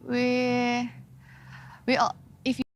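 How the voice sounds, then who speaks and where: Female esports player in backstage interview. Slightly high voice, unhurried, hesitant short answers. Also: monotone, a little hiss or hum.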